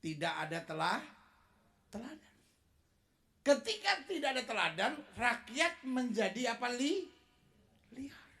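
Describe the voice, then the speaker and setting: A man preaching with a bright, high voice that leaps all over its range. He is animated and joking, and keeps pulling the congregation into call-and-response. Every point lands with energy. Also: measured pace, long pauses. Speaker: pastor. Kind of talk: sermon.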